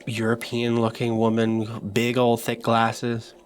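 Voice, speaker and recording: A man's voice: medium pitch, completely flat delivery, slow pace, slight background noise. A man narrating a tabletop game as game master, describing scenes with many fillers.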